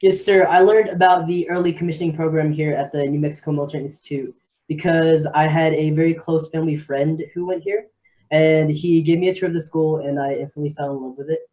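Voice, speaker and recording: A man's voice: on the high side, steady tone, fairly quick, mellow, highs cut off. A young man cadet from Texas, answering formally with repeated "yes, sir" and a slightly nervous manner. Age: young adult.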